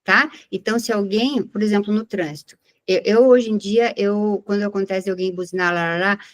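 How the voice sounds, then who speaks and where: A Brazilian woman talks through her point in an earnest, explanatory way, stopping often to check that her listeners follow. Her voice sits at a middling pitch and sounds close and dry, with no room around it. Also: fairly even intonation, moderate pace, dry recording. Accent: Brazilian Portuguese. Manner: earnest, explaining, with many tag questions. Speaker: study group participant. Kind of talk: casual group discussion.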